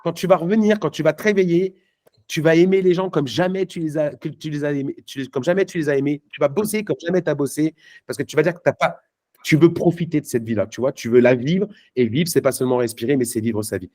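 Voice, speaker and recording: A man's voice: a little high, fast, a little mellow. A man giving a live motivational talk at a network marketing event, punchy and emphatic, speaking casually to the crowd. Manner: many fillers and restarts, casual slang.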